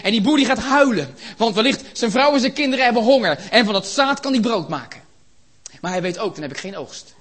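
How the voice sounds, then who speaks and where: A man preaching a sermon in a church, impassioned, building to shouts and rhetorical questions. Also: high-pitched, animated, a little fast, breathy edge.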